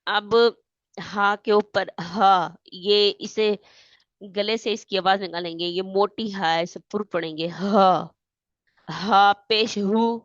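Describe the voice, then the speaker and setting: A woman teaching Quran reading, spelling out letters and vowel marks and then reciting the verses slowly. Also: mid-range voice, steady tone, a bit bright, no room sound, dull audio. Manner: patient, keeps checking in with "theek hai". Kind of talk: step-by-step recitation lesson.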